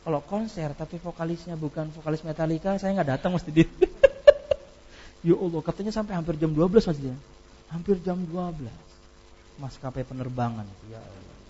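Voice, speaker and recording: A man's voice: a little high, fast, warm tone, breathy edge, muffled recording. A man giving an informal religious lecture, telling anecdotes with laughter and reciting Arabic passages. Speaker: preacher.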